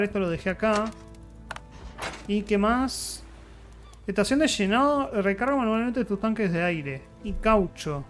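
A man with a Rioplatense Spanish accent, chatty let's-play commentary as he thinks aloud through crafting and fights. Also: sits high. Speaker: gaming YouTuber.

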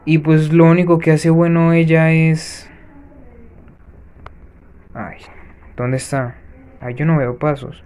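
A man hosting a let's-play, chatting to viewers as he plays and breaking off with quick gasping reactions. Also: fairly high pitch, flat delivery, a little mellow, clear, resonant tone. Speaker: gaming channel host. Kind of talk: let's-play gameplay commentary.

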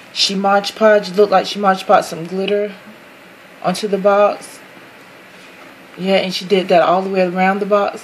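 A woman's voice: medium pitch, a little hiss or hum, low-quality recording. A woman chatting casually to her viewers while unboxing a handmade craft box, gushing over each detail, apologizing often and calling everyone "guys.". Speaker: craft vlogger.

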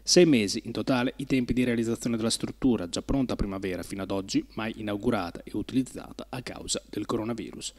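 Guy reading a local news report fast, mid pitch. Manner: brisk, reading a script. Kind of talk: scripted news voice-over.

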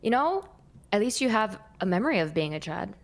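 A woman's voice: medium pitch, very animated, fairly quick. A woman co-hosting a stream, reading viewer questions and asking curious follow-ups in casual chat.

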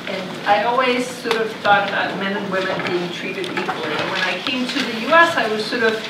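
A middle-aged Danish woman, a visiting lecturer, gives a conversational university lecture in a large hall, captured by a room mic far from her amid a noisy background. Her medium-pitched voice moves a little fast as she thinks aloud with fillers.

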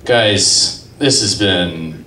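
This comic, a man in his thirties, has a low-pitched, sharp voice and draws out his words. He rambles through self-deprecating jokes into a stand-mounted handheld mic at a gallery cafe open mic, recorded from a distance in a roomy room with slight background noise.

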